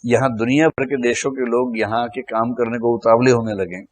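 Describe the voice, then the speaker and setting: A man's voice: medium pitch, fairly even intonation, brisk. A middle-aged man teaching a lecture class, explaining in a conversational way and asking rhetorical questions.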